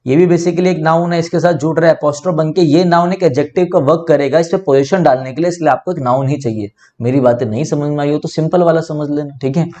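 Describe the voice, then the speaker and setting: Lively Indian male grammar teacher. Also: on the high side, fast, hardly any pauses. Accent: Indian English. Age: young adult. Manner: explains step by step, keeps asking and answering his own questions. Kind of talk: online grammar lesson.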